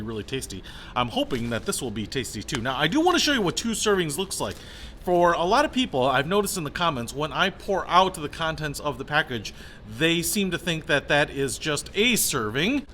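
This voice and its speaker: Man, bright forceful voice, casual demo style, conversational explainer, medium pitch, some background noise. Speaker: product reviewer. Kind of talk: casual review and demonstration to camera.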